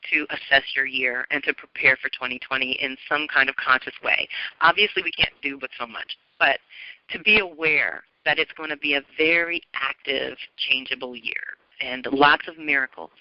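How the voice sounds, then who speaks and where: A woman's voice: low voice, no echo, muffled recording. A woman astrologer giving an earnest, encouraging spoken forecast, often repeating her phrases.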